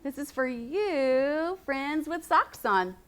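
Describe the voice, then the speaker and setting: Woman teacher, classroom phonics drill, sing-song, slow-paced, background noise. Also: sits high, lively intonation.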